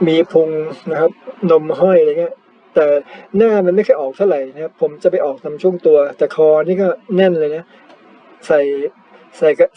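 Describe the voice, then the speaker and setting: A man from Thailand chatting casually as a cycling vlogger, self-mocking and full of polite particles. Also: fairly high pitch. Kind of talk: casual chat over screen photos. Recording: slightly dull, lo-fi sound.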